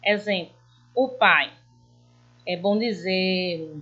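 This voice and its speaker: Woman, primary school teacher; unhurried, patient, stretches out her examples; slightly muffled recording. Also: medium pitch, pushed and bright. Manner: slow, patient, reads examples with drawn-out emphasis. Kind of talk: online lesson for children.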